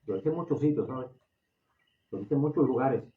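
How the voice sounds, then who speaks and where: A man's voice: mid-range voice, normal speed. A man from Puerto Rico with a Puerto Rican accent, preaching a sermon with passion, often repeating and restarting his phrases. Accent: Puerto Rican Spanish. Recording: echoey, distant, phone-like audio.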